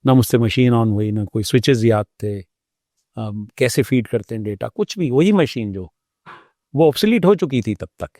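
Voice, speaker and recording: A doctor tells his own story as an interview guest in a warm, mellow, mid-range voice. He sounds reflective yet animated, pausing often. The recording is dry and close-miked, with no room sound.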